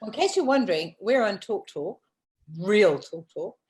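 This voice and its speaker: A woman hosting a casual live online talk show, bossy and teasing, quick to laugh. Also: medium pitch, lively intonation, darkish tone. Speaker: host. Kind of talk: casual chat.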